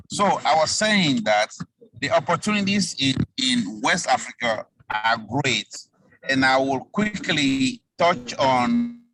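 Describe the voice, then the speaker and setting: Slow, bright man on a breaking-up video call. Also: medium pitch, slight background noise, low-quality recording. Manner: halting, with many fillers. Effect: breaking-up video call connection. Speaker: panelist on an investment webinar. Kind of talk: remote presentation.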